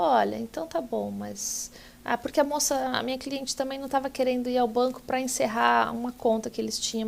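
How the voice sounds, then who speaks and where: A middle-aged woman law lecturer telling a courtroom anecdote in a casual, animated way, acting out the people she quotes. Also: high-pitched, gravelly, a little hiss or hum. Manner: animated storytelling, acts out quoted voices.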